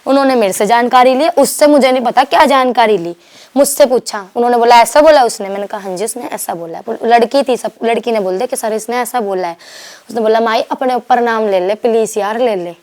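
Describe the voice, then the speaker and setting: Young woman from Delhi, slightly high voice. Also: fairly quick. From Delhi, India. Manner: rambling, animated retelling with quoted dialogue and restarts. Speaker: guest. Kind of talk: candid storytelling interview.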